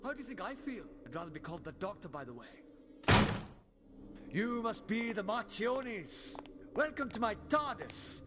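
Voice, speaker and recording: A man's voice: sits high, very animated, normal speed. A man playing a shrewd, sardonic alien time traveller in an audio drama, with a wry, verbose, theatrical delivery. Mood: cocky, defiant.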